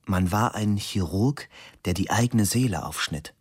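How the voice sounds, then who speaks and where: Ein Mann, der einen Roman als Hörbuch gemessen und trocken vorliest. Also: male voice, on the low side, measured pace, husky. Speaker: audiobook narrator. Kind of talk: literary audiobook reading.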